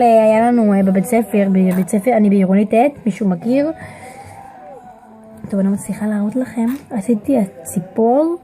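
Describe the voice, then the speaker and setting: A girl in her early teens chatting casually to the camera in a home video, often searching for words and getting excited. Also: a little high. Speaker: vlogger. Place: home bedroom.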